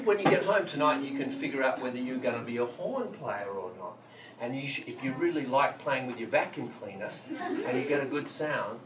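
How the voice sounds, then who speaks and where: An Australian man with an ordinary mid-pitched voice is entertaining a classroom full of children, keeping them in call-and-response. He is picked up from across an echoey room by a distant mic, under heavy background noise. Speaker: visiting performer teaching children. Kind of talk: animated classroom performance with singing. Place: elementary school classroom.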